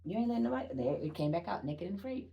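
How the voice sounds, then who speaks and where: A woman's voice: mid-range voice, very animated, racing, gravelly, distant mic, highs cut off. A young woman gives a casual spiritual energy reading, chatty and emphatic, repeating phrases, swearing and laughing often.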